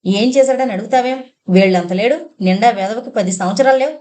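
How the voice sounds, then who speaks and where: A woman's voice: a little high, brisk, a little mellow, natural voice. A woman voicing a stern, scolding father. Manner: scolding, raised and firm. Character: stern but loving father, firm disciplinarian.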